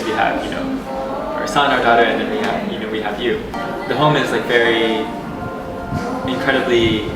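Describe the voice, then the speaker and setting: A man in his twenties from Boston giving a rambling, casual testimonial full of fillers and restarts. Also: medium pitch. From Boston, Massachusetts, USA. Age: 20s. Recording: echoey room from a distance, loud music.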